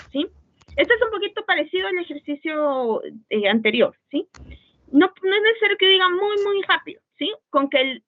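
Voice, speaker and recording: Patient woman teacher over a tinny call. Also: high-pitched. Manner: patient, checks understanding with frequent "¿sí?". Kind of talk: online writing class. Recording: tinny phone-like call audio.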